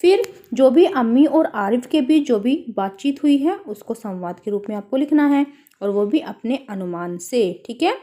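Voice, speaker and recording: A woman's voice: on the high side, lively intonation, moderate pace, dark tone. A woman teacher explaining a worksheet to children, spelling words out syllable by syllable and calling her pupils "beta".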